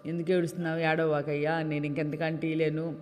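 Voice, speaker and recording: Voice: medium pitch, little pitch movement, quick pace, natural voice. A preacher voicing an elderly male diamond merchant who keeps raising his offer and coaxing a crying boy. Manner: coaxing, pleading. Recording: long reverb in a hall.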